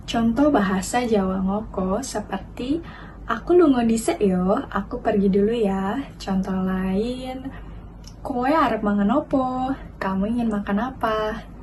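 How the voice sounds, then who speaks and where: A young woman, a university student, giving a class presentation with careful, measured explanation. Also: a little high. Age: young adult. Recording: distant mic, faint noise.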